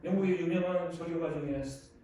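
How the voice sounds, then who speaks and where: A male pastor preaches with earnest feeling, his voice rising to loud exclamations and dropping to quiet reflection. His voice sits a little high, and it rings through a very echoey sanctuary, captured from a distance. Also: fairly even intonation, a little fast, a little hiss or hum. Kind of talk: sermon. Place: church sanctuary. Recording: echoey hall, distant mic.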